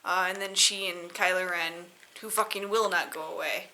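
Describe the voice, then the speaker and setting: A woman giving a casual, tipsy, rambling film rant, sweary and sarcastic, halting and repeating herself for emphasis. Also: lowish voice, steady tone, bright, forceful tone, slight background noise, poor audio. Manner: tipsy, loose drunken rambling. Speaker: solo vlogger reviewing a film.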